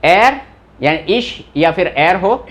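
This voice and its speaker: A young male language teacher with a high, very lively voice that swoops up and down. He takes his time and explains each word patiently, calls on students by name, and scolds them lightly when they forget the rules. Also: takes it slowly. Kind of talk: live online class teaching.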